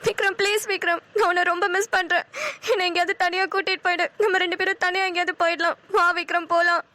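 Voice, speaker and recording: A woman playing a high, pleading young wife. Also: flat delivery, fast talker, bright, forceful tone. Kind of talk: cartoon voice acting.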